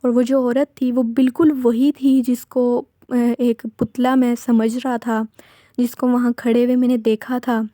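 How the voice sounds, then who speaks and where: A woman with a Pakistani Urdu accent narrating a true horror story, retelling her brother's account in an unhurried, rambling way with self-corrections. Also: fairly high pitch, little pitch movement, dark tone, dry recording, studio quality. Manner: retelling a brother's account, slipping between third and first person.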